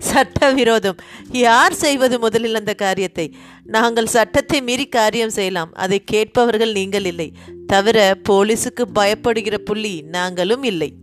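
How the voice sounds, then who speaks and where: A woman's voice: mid-range voice, normal speed, lightly acted. A woman doing a mocking tall thug. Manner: mocking, commanding.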